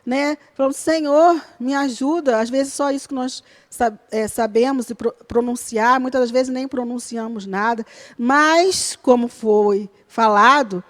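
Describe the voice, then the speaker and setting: A woman leads a church Bible study class. Her voice sits high, and she explains each verse earnestly and step by step. She keeps checking in with her listeners through short tag questions. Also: unhurried. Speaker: Bible school teacher.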